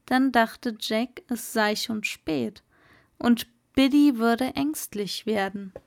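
Slow, measured woman storyteller. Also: fairly high pitch, vocal fry, a little mellow, no echo, clean studio sound. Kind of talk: read-aloud fairy tale.

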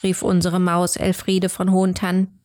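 A woman storyteller narrating a rhyming storybook, measured and sometimes hushed. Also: lowish voice, monotone, soft background music.

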